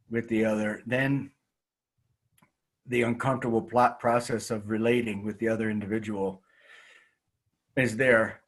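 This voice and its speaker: A man teaching a qigong class, talking frankly and reflectively with his students. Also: medium pitch. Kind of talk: group class discussion.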